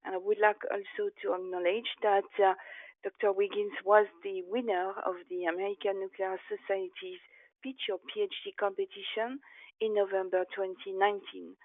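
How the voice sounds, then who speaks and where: A woman introduces a guest speaker in a very flat, even tone, reading along steadily with the odd filler. The sound is dry and tinny, like a phone line. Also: medium pitch, normal speed, no room sound. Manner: reads steadily, with occasional fillers. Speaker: webinar moderator. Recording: dry, tinny call audio.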